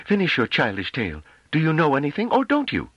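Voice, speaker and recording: A man reading an audiobook, voicing a cold, contemptuous woman on a ruling council, with sharp, clipped delivery. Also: a little high, wildly swooping pitch, fast, slightly rough, no echo, highs cut off, voice pushed up, full character voice. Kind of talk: audiobook character voice.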